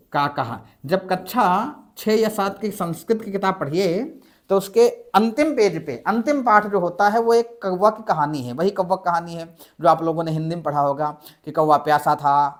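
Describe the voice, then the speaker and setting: Man teaching grammar step by step. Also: on the high side. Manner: explains step by step, asking and answering his own questions; slows to spell out examples syllable by syllable. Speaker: Sanskrit teacher. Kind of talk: blackboard grammar lesson.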